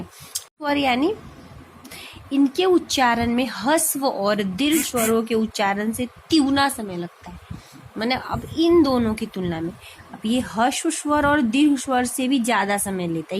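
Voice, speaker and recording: Woman teaching a grammar lesson, higher voice. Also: a little hiss or hum. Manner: explanatory, repeats points and checks with "ठीक है". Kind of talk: explaining a classroom grammar lesson.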